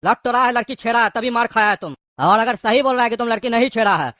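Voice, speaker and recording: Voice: medium pitch, fast talker, pushed and bright, dry recording, clean studio sound, lightly acted. A performer voicing a menacing male thug prisoner who bullies and mocks his cellmates. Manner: bullying, mocking, threatening. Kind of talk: cartoon voice acting.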